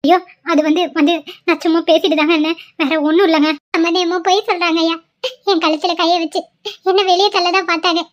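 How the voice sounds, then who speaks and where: A woman's voice: very high voice, flat delivery, quick pace. A woman doing a meek old grandmother. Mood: plaintive. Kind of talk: cartoon voice acting. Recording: dull lo-fi sound.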